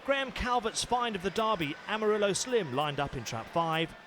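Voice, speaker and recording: Polished male sports narrator, slightly high. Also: lively intonation, moderate pace, a bit bright, a little hiss or hum. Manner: polished, emphatic voice-over delivery. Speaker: programme presenter.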